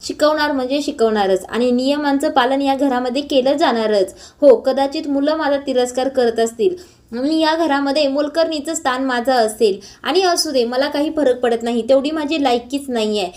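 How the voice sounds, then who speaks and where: A woman's voice: high-pitched, a little mellow, close to an everyday voice. A woman reading as a firm, dutiful maid. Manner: firm, resolute.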